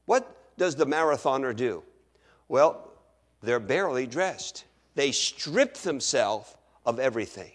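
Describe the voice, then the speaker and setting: A middle-aged man preaching a sermon, acting out his listeners' objections in an animated way. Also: medium pitch, a little slow.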